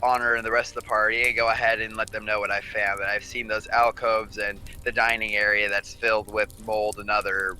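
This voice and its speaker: Bright-toned man playing a tabletop game. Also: on the low side, little pitch movement, brisk, few pauses, slight background noise, low-quality recording. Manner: casual, with frequent "uh". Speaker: player.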